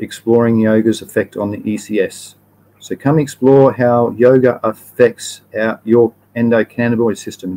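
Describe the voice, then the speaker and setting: A man's voice: lowish voice, darkish tone, a little hiss or hum, rough recording. An Australian man hosting a live stream, chatting casually in a rambling, slangy way and often correcting himself mid-sentence.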